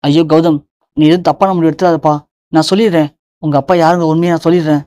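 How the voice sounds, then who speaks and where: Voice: medium pitch, steady tone, quick pace, mellow, no echo, lightly acted. A narrator voicing a worried mother pleading with her son about a family secret. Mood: fretful. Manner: pleading, fretful.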